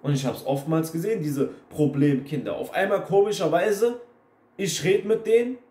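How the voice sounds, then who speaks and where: A man's voice: on the high side, moderate pace, warm tone. A young man talking bluntly to camera in a casual, repetitive lecturing monologue, mixing in English phrases. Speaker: self-help video host. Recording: echoey room.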